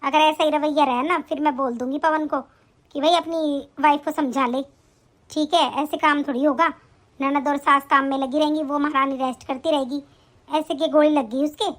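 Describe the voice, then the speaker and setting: A woman plays a middle-aged mother-in-law in an animated family story, scolding and scornful. The voice sits very high, almost childlike, and her lines come as commands. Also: moderate pace, lightly acted. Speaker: voice actor in an animated family drama.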